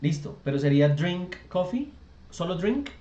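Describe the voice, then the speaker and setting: A man leads a virtual English lesson, his voice sitting slightly high. He explains grammar patiently, one step at a time, with frequent quick checks on his students. The call audio is roomy and muffled. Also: sing-song, dark tone. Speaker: English tutor. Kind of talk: online class explanation. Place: virtual classroom session. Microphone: video call. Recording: echoey lo-fi video call audio.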